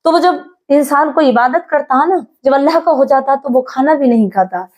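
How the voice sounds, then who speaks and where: A woman's voice: high voice, moderate pace, darkish tone. A woman preacher giving an earnest religious sermon, telling a story and addressing listeners as dear brothers.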